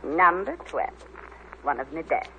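A woman's voice: deep voice, lively intonation, unhurried. A woman playing a very old, sly and menacing innkeeper who taunts and commands, in old-time radio drama style. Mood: brisk, insistent. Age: older. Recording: scratchy, tinny old radio recording.

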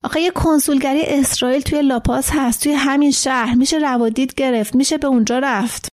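A paranoid older man in hiding, traumatized and convinced of a trap, speaks slowly and slyly, as a woman reads him in a storybook. His voice sits mid-range. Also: medium pitch, vocal fry, a little mellow, natural voice. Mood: sly, certain. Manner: frightened, then slyly certain.

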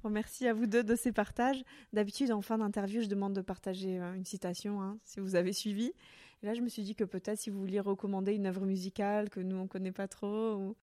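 A woman's voice: mid-range voice, little pitch movement, fast, dark tone. A woman hosting an interview, encouraging her guests with short replies and questions. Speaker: interviewer host.

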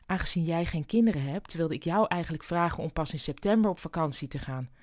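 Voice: mid-range voice, fast talker, darkish tone, dry recording, clean studio sound, lightly acted. Narrator doing a breezy, bossy female manager. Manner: cheerful, patronizing.

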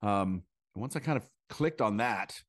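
A man's voice: on the low side, lively intonation, dry recording, studio quality. A man, a stand-up comedian guest on a podcast, telling rambling stories in casual conversation, full of asides. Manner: rambling storyteller with quick asides and voice impressions.

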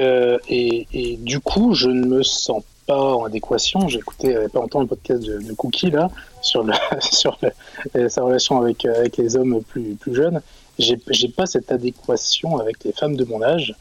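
Husky hesitant man in his forties. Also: medium pitch, low-quality recording. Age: 40s. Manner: hesitant, halting, frequent fillers. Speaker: caller. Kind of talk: radio call-in chat.

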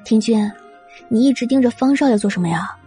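A sly, quick-witted young heroine, voiced by the woman narrator. She coaxes and teases lightly in a breathy, husky voice, and faint music plays underneath. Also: on the high side, warm tone. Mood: teasing. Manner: light, teasing, coaxing.

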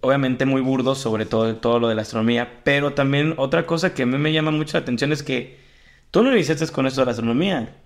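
A man's voice: mid-range voice, fast talker. A man hosting a casual podcast chat, teasing and rambling with restarts. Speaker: podcast host.

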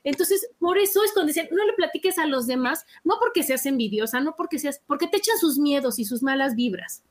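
A woman with a high, bright voice talks quickly in relaxed chat. She brings her stories to life by slipping into the voices of the people she quotes. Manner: animated, acts out quoted voices. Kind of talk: casual chat.

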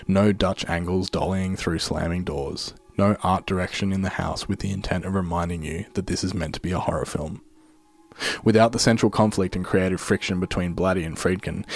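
Deep voiced guy reading a scripted movie analysis, video essay narrator type.

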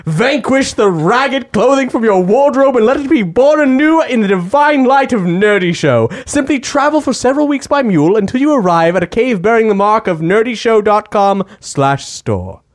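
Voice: mid-range voice, expressive, moderate pace, few pauses, voice pushed up, natural voice. A podcast host putting on a pompous, mock-archaic upper-class herald to read a comedic store ad. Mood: grandiloquent. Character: pompous olde-English herald of a merry band.

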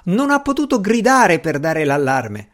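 A man doing a shrill aggrieved asylum attendant. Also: sing-song, a little slow. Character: indignant bruised male asylum attendant. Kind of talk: audiobook character reading.

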